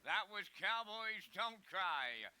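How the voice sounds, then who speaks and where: A man's voice: sits high, very animated, slow pace, bright, forceful tone, clean tone. A man giving emphatic race caller commentary on a harness race.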